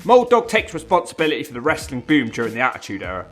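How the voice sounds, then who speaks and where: A man's voice: mid-range voice, wildly swooping pitch, fast, fairly bright tone. A man narrating a scripted countdown commentary in a wry, informal and emphatic way. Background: background music.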